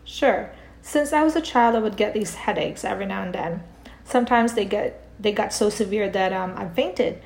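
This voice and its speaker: A middle-aged woman born in the Philippines, a parent coach and author, talking calmly and reflectively as a guest in a podcast interview over a remote call. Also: mid-range voice, moderate pace, creaky.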